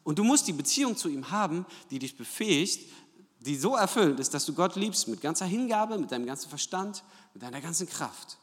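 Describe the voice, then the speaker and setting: Lively preacher in a reverberant hall. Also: male voice, fairly high pitch, brisk. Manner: lively preaching with rhetorical questions and tag "ja?". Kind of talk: sermon. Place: church hall. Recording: long church hall reverb.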